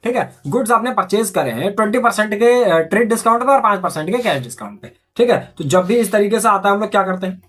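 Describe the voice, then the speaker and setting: This accountancy teacher speaks quickly in a high, expressive voice with a touch of brightness. He walks through journal entries step by step, repeats himself, answers his own questions, and keeps saying "theek hai."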